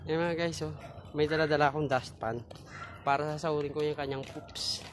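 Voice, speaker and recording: A man's voice: fairly high pitch, little pitch movement, brisk. A man chatting in a casual vlog, teasing and scolding his puppy in playful baby talk. He is recorded outdoors on a phone camera. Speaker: vlogger. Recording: outdoor noise behind.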